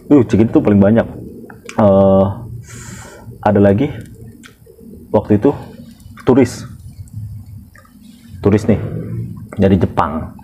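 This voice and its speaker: A man, a security guard telling stories in casual podcast chat, animated and blunt with slang and swearing. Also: lowish voice, slow pace, long pauses, a little hiss or hum. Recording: dull lo-fi recording.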